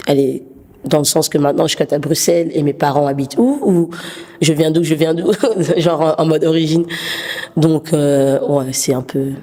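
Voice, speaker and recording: A woman's voice: sits low, warm tone. Young belgian student girl, rambly, echoey room. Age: young adult. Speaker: student interviewee.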